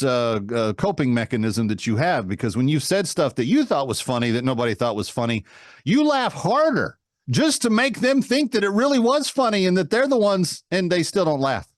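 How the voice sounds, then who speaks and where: A man's voice: sits high, dry recording, studio quality. A man hosting a political talk show, delivering a monologue in a mocking, emphatic way that repeats words for effect.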